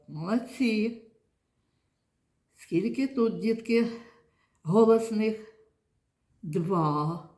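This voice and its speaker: A woman teaching young children, speaking in a slow, patient, coaxing way. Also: medium pitch, darkish tone, roomy sound. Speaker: primary school teacher. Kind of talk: classroom lesson for young children. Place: classroom.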